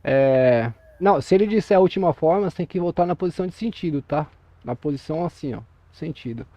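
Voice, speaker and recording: A man's voice: on the high side, animated, fast talker, warm tone, no room sound. A man with a Brazilian Portuguese accent instructing a drill in a police roleplay over voice chat, patient and step by step, checking that he is understood.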